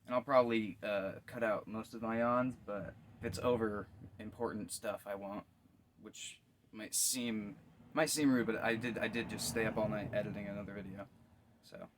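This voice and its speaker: A man's voice: lowish voice, steady tone, fairly quick, slight background noise. A tired man giving casual reaction commentary, yawning and musing loosely as he watches. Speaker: video reactor.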